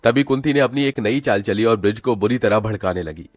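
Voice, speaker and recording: Narrating a scripted, dramatic tale, a man speaks briskly in a fairly low voice as the storyteller. The recording is completely dry, free of room sound, and its highs are cut off.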